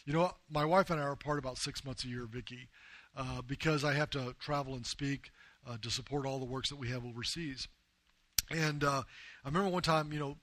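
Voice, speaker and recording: A man's voice: mid-range voice, a bit bright, no echo. A man, a pastor, preaching a sermon in an earnest, emphatic, conversational way while telling personal stories. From United States. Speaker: pastor and missionary leader.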